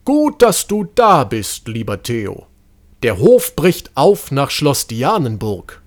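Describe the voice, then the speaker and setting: A man voicing an old court physician, excited and fussy, in a storybook reading. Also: medium pitch, moderate pace, close to an everyday voice.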